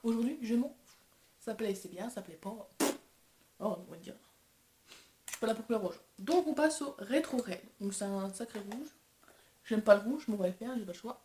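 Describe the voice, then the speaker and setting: Young woman, casual beauty vlog chat, self-mocking, laughs easily, slightly high voice, echoey room. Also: animated, normal speed, long pauses, warm tone, slight background noise. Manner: chatty, self-deprecating, laughs often. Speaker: beauty vlogger.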